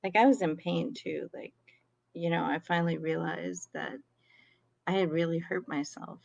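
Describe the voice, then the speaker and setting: A woman's voice: on the low side, steady tone, normal speed, gravelly, darkish tone, no echo, highs cut off. A woman telling a story casually to her viewers, chatty and full of fillers and laughs. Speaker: sound healer and card reader.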